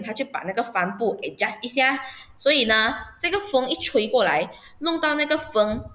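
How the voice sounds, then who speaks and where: A woman's voice: mid-range voice, a bit bright. A woman teacher running an online vocabulary lesson for children. She spells words out letter by letter and patiently checks that her pupils understand.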